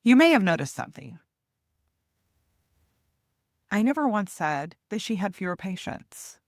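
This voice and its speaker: A woman giving a gentle, deliberate motivational talk as a host, pausing reflectively between phrases. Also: medium pitch, big pitch swings, no room sound, clean studio sound. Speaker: podcast host and hospice nurse coach.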